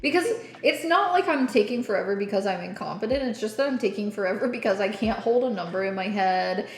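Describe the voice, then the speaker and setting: A woman's voice: medium pitch, animated, fast. Chatty woman streamer in an echoey kitchen. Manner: chatty, laughs often, self-deprecating. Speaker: streamer host. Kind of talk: casual chat while baking on stream. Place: home kitchen.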